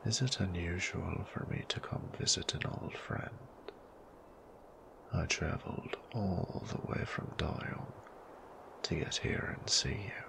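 For an ASMR audio roleplay, a man voices a sly, ancient male vampire, teasing and threatening in a slow, silky, creaky whisper. His voice is low-pitched and fully in character, with a coaxing mood.

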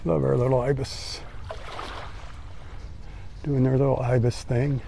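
An older man with a gravelly, mellow voice talks casually while walking a beach. He gives easy running commentary into the phone he holds, with faint outdoor sound behind him. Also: medium pitch, a little slow, a little hiss or hum. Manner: relaxed, admiring running commentary. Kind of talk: casual live-stream commentary. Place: outdoors on a sandy beach by the sea. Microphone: phone held while walking.

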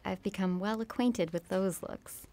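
A woman's voice: mid-range voice, a little slow, mellow, lightly acted. A woman playing a harried, polite working mother in an office puppet parody. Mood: friendly, weary.

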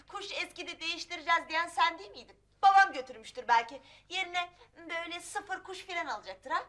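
A woman's voice: very high voice, brisk, a bit bright. An actress playing a witty, sarcastic young woman stuck at home, in a TV comedy series. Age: young adult. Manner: sarcastic, teasing.

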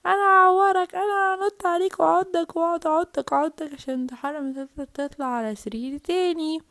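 A woman's voice: on the high side, steady tone, fast talker, no room sound, natural voice. Lady playing an annoyed egyptian big sis doll, dramatic huffy, dry close recording. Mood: indignant. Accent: Egyptian Arabic. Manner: loud, indignant, exclaiming.

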